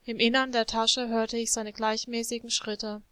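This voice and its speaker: A woman's voice: on the high side, little pitch movement, moderate pace, pushed and bright, smooth, no echo. A woman narrating a first-person story as a clay jug, reading expressively.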